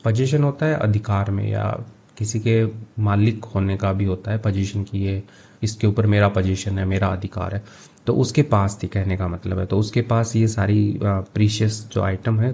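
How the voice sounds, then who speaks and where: Mellow-voiced man teaching English. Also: on the low side, fairly even intonation, vocal fry. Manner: reads English phrases slowly, then explains in Hindi. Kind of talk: line-by-line story translation lesson.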